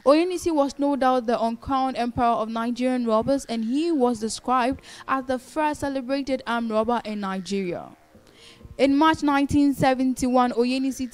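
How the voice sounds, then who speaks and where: A woman giving a steady scripted documentary narration, read aloud in an even delivery. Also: high voice. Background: background music.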